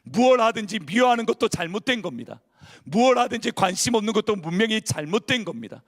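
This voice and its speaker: A man's voice: high-pitched, expressive, fast talker. A male pastor preaching a sermon in a church, asking the congregation questions and acting out people's inner worries. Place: church sanctuary.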